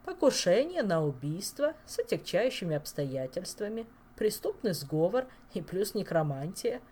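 A woman's voice: lowish voice, very animated, moderate pace, dark tone, slight background noise, pitched above the performer's own voice. A woman voicing a gloomy male investigator who speaks in a dry, matter-of-fact way.

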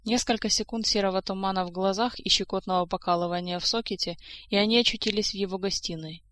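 A woman reading a fantasy novel aloud in even, unhurried scripted narration. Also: medium pitch. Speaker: audiobook reader.

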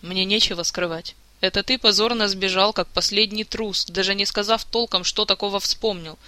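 An exasperated king who speaks in curt, firm orders, voiced by a man reading the story. His bright, fairly high voice stays controlled and dry. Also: steady tone, normal speed, clear, resonant tone, no room sound. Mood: commanding. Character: weary adult male king, firm and exasperated.

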